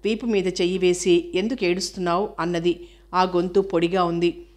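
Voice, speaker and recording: Lady reading an audio novel, lowish voice, pretty flat and steady. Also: moderate pace. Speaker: audiobook narrator. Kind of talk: scripted novel narration.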